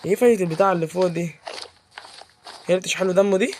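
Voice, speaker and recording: A man's voice: sits high, rapid-fire, background noise. A young man with an Egyptian Arabic accent giving joking, chatty commentary while he plays a video game. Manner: joking, chatty, talks to game mobs as if interviewing them. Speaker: gaming YouTuber. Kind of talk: casual gameplay commentary.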